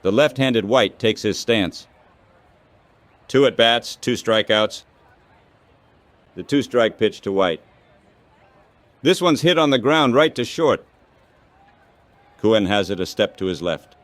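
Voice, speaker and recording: This is synthetic male text-to-speech doing baseball play-by-play radio commentary in short, clipped lines. The voice is fairly low and animated, slow with long pauses, and there's no echo.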